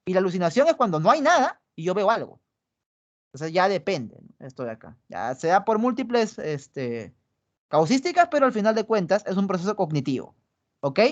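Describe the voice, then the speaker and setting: Lively Peruvian woman teaching psychology online. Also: medium pitch, normal speed. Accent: Peruvian Spanish. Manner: explains step by step, constantly checking in with students. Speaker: pre-university psychology teacher. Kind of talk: online class lecture. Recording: dull lo-fi online class audio.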